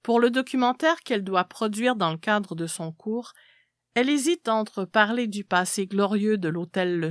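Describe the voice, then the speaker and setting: A woman's voice: medium pitch, dry recording, studio quality. A woman reading a literary story aloud as a scripted narration.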